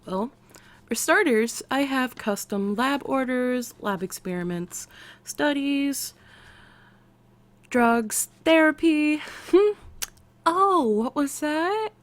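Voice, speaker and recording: In this ASMR roleplay aimed at the listener, an American woman voices a quirky, excitable scientist who plays therapist, using a voice that sits high. The mood is quirky and welcoming, and her delivery halts, drags out words and swoops without warning.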